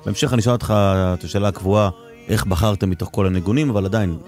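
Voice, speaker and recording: Joking male radio host over music. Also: fairly low pitch. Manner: joking, teasing. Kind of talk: casual, bantering radio hosting. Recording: music bed behind voice.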